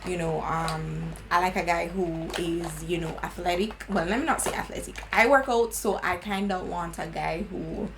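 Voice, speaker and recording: A woman's voice: fairly low pitch, moderate pace, few pauses, a bit bright, a little hiss or hum, rough recording. A woman in her twenties with a Jamaican accent, chatting earnestly and slipping into patois. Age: 20s. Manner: earnest, laughing, slips into patois. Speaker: beauty vlogger. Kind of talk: casual chat.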